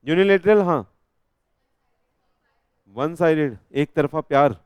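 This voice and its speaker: A young man with an Indian accent runs a lively revision lecture, firing questions at his students and teasing them between points. His voice is smooth and clear, set a little high. The sound is close and dry, with no room echo. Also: slow, lo-fi sound. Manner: quizzes students constantly, teasing and joking; mixes Hindi with English terms. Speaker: commerce law teacher. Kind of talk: live classroom revision lecture.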